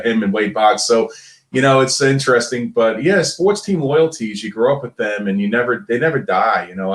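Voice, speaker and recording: This low-voiced man from Brooklyn, New York, in his 50s and carrying the local accent, is a sports figure reminiscing as a guest in a casual interview. He rambles in a familiar manner, tossing in jokes, and his tone is a bit bright. The sound is roomy with an echo.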